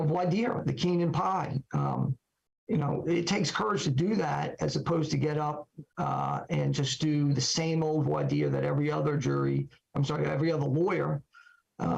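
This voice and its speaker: A man with a hoarse, gravelly voice, a little high and darkish in tone, speaks haltingly, full of fillers and rhetorical questions, as his voice recovers. He's a trial lawyer appearing as a podcast guest, reflecting in a solo talk captured in dull, lo-fi podcast audio.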